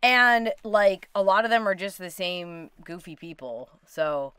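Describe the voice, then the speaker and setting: A woman's voice: mid-range voice, animated, measured pace, a bit bright, smooth, dry recording, clean studio sound. A woman co-hosting a casual livestream chat, talking informally with lots of "like" as she reads out audience questions. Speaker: co-host reading audience questions.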